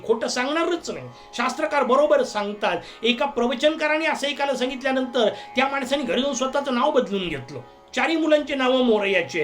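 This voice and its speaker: A man's voice: extremely high pitch, fairly bright tone. A man giving a spiritual discourse, explaining with homely everyday examples and chanting verses. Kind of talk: religious discourse.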